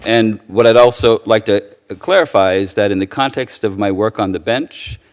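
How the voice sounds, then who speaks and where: Answering questions in formal testimony as a nominee for a judgeship, a man with a lowish voice chooses his words carefully. He stammers and halts, sounding hesitant throughout.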